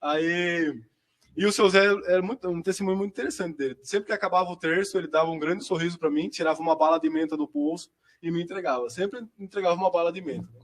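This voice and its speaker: A young man, telling his personal testimony in a chatty, slangy way as a seminarian guest. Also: high voice. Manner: chatty, slangy storyteller, quick and lively. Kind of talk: personal testimony in casual chat.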